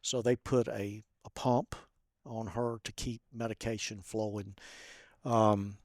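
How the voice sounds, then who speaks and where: A man, a podcast guest, telling a personal story in a soft, halting way with many pauses and fillers. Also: fairly low pitch, steady tone, no echo, studio quality.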